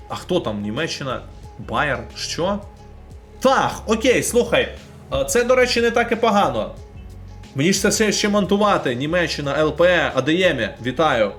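A young man from Ukraine casually commenting live while opening game packs and talking to his chat. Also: fairly high pitch. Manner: chatty, animated, talks to chat.

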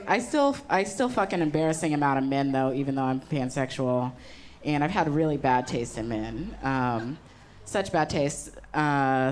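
A young woman with a low voice performs stand-up before a live audience, handheld mic in hand, her conversational punchlines dotted with ums. The recording carries a slight hiss or hum beneath the loud laughter of the crowd.

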